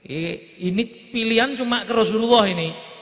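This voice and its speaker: A man's voice: sits high, moderate pace, creaky, a bit bright, long reverb tail. A man with a Javanese accent preaching a storytelling sermon, slipping into Javanese and acting out the dialogue of the story. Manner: mixes Javanese into his talk, acts out the story's dialogue.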